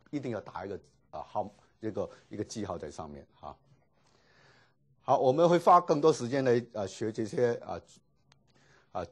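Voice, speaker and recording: Husky guy lecturing on greek, voice bounces up and down a lot, lots of little fillers. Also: medium pitch. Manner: explains patiently with many filler particles. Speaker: Greek teacher. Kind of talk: classroom lecture.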